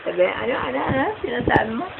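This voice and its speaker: A woman's voice: a little high, expressive, fast, vocal fry. An older woman, a grandmother, chatting casually with family, answering questions with playful teasing and often repeating them back. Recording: tinny phone-like audio with loud noise.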